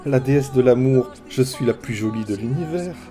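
A woman's voice: very deep voice, normal speed, dark tone, soft background music. A man doing a cooing, sing-song love goddess. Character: coquettish young goddess of love.

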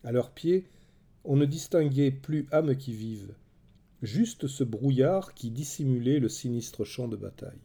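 Dark-voiced male storyteller. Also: mid-range voice, expressive, vocal fry, husky. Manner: measured, dramatic storytelling. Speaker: narrator. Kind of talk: scripted storybook narration.

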